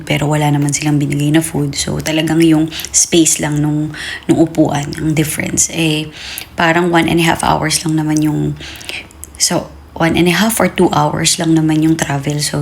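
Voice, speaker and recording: A woman's voice: level tone, normal speed, creaky. A woman vlogger and new mother chatting casually about her days, with many fillers and self-corrections. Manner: high, playful baby talk to her daughter. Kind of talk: casual vlog chat. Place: home in Hong Kong.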